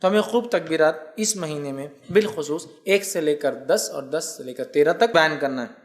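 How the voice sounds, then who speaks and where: A man giving a religious lecture, slowly explaining points, reciting Arabic phrases and urging his listeners with repeated reminders. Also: on the high side. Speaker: Islamic preacher.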